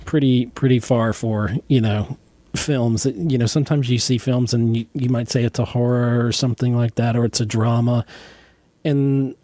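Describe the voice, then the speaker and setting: Mellow-voiced man hosting a radio interview. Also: mid-range voice, fairly even intonation, dry recording. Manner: halting, friendly interviewer with many fillers. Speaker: interview host.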